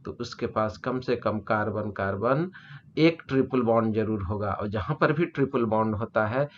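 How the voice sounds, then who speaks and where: Man, chemistry teacher, lecture, reads slowly then explains, slightly muffled audio. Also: lowish voice, a little hiss or hum. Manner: explanatory, repeats "ठीक है" often to check understanding. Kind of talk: classroom lecture mixing Hindi and English.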